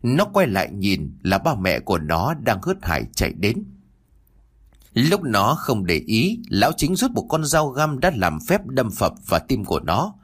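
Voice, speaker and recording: Expressive male audio story narrator. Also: mid-range voice, measured pace, husky. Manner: expressive, dramatic reading.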